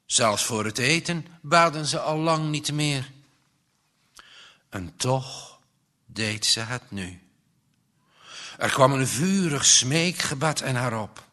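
A man reading a story aloud in a slow, expressive way, with dramatic pauses. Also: medium pitch.

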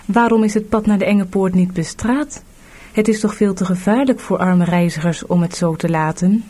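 A woman's voice: medium pitch, normal speed, mellow, lightly acted. A woman voicing a weary, burdened male pilgrim in a storybook audiobook, earnest and plain.

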